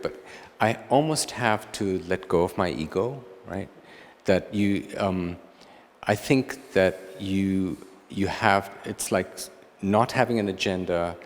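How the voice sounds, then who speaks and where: Deep-voiced reflective man in a lecture hall. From Tanzania. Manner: reflective, unhurried, with frequent ums and restarts. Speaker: guest lecturer, photographer. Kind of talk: answering audience questions at a lecture.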